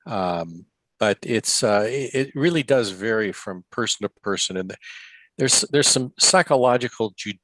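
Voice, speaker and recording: A man who is an investigative journalist, speaking in a webinar in a measured, matter-of-fact way with um and uh pauses. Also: fairly low pitch, expressive, a bit bright, dry recording. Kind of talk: webinar talk.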